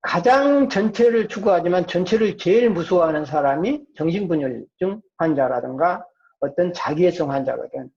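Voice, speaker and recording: A psychology professor talks informally in a high, animated voice that is creaky and slightly mellow, moving at normal speed. He tends to ask rhetorical questions and supply the answers himself. Audio is a muffled, dull lo-fi lecture capture.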